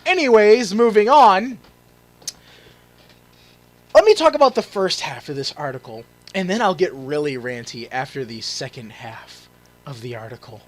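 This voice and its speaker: Fiery, animated man in a ranting vlog. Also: fairly high pitch, moderate pace, rough recording. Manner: heated, swearing, bursts of shouting. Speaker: gaming YouTuber.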